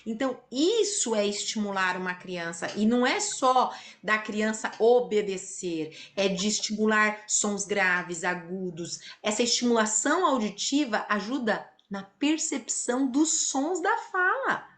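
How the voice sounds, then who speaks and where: A woman's voice: medium pitch, lively intonation, measured pace, few pauses, a bit bright. A woman hosting an interview, explaining in a teaching way and demonstrating speech sounds. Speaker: host, speech therapy educator.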